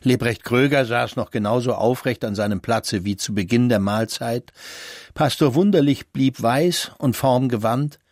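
A man narrating a classic novel as an audiobook, with measured and expressive storytelling. His voice sits at an ordinary male pitch and is recorded dry and close, with no room sound. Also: dry recording. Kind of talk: scripted literary narration.

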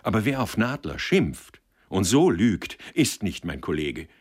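A principled young male actor in an audiobook, speaking up firmly and with reproach, as a man reads him. The voice sits in a deep register but moves with lively rises. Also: measured pace, slightly rough, full character voice. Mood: indignant. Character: firm, principled young male actor defending his director.

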